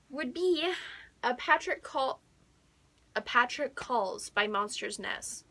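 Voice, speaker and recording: With a high voice, this young book vlogger gets excited and gushes as she chats, punctuating things with dramatic stress and whispered asides.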